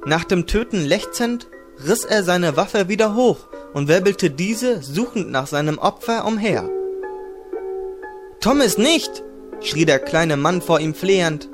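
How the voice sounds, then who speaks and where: Man narrating a fantasy audiobook over music. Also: on the high side. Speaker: audiobook reader. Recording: background music under the narration.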